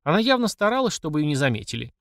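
A man narrating an audiobook with expressive storytelling. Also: a little high, rapid-fire, vocal fry, no echo, studio quality. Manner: expressive storyteller, voices each character. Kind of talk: scripted narration.

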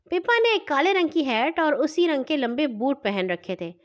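A woman reading a children's story aloud in an expressive, lively way. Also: high voice, muffled recording.

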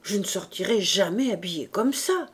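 A woman voicing a quiet, stubborn young country girl in a French audiobook, in her own reading voice. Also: medium pitch, animated, moderate pace, breathy edge.

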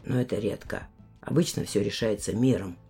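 A woman voicing a weary, fatherly male border guardian who explains things slowly and gently, in a deep, quiet voice. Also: gravelly, breathy edge, soft background music, heavily acted. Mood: gentle. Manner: slow, measured explaining.

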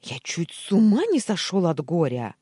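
A woman's voice: sits low, big pitch swings, measured pace, dark tone, dry recording, studio quality, exaggerated voice. A woman voicing a scheming, hysterical middle-aged uncle who shrieks and splutters in a storybook reading. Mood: furious.

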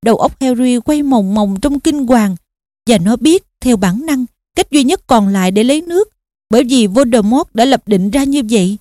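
High-voiced woman reading an audiobook. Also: normal speed, dry recording, clean studio sound. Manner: steady, expressive storytelling. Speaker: audiobook narrator.

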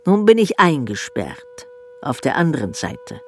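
A woman playing a weary, cryptic, self-aware AI assistant, musing theatrically in a husky, gravelly voice. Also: low-pitched, big pitch swings, a little hiss or hum. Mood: weary, defiant. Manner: slow, theatrical, swooping, musing.

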